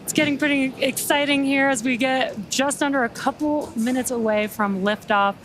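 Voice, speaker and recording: A woman's voice: sits high, moderate pace, music in the background. A woman hosting live launch commentary, explaining each step in an upbeat manner. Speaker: launch webcast host.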